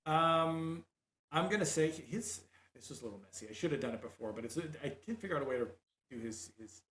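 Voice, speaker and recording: A man running a tabletop game as game master, talking in halting bursts full of fillers and restarts. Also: on the high side, lively intonation, fairly bright tone, echoey room.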